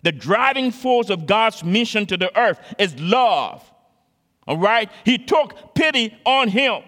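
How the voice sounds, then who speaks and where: A man's voice: high-pitched, animated, slow pace, pushed and bright. Man preaching a sermon, earnest, keeps repeating stuff, long echoey church reverb. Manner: repeats phrases for emphasis, earnest exhortation.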